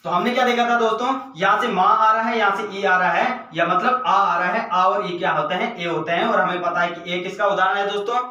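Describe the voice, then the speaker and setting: A man with a high, bright voice teaches a grammar lesson for exam candidates. He keeps asking his own questions and answering them. He sounds set back from the mic in a strongly echoing room. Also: fairly even intonation, fairly quick, hardly any pauses, a little hiss or hum. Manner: repetitive question-and-answer teaching, addresses viewers as friends. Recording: echoey room, mic at a distance.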